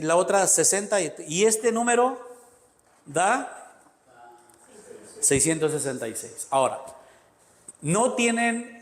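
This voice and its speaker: A priest leads a Bible class, working through each step patiently and stopping to check that his listeners follow. His voice sits slightly high for a man. The sound rings with the long reverb of a large hall. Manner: explains step by step, counts through numbers, checks in with "ok" and "miren".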